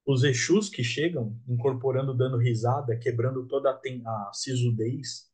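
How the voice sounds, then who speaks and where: Husky man musing aloud. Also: medium pitch, normal speed, darkish tone. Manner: reflective, tags thoughts with 'né?'. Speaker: guest. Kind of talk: casual podcast conversation.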